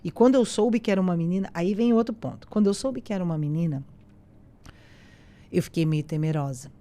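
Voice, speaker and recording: A woman, a podcast guest sharing a personal faith testimony in a casual, animated way, acting out the dialogue she retells. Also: fairly low pitch, fairly quick. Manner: animated storyteller who acts out quoted dialogue.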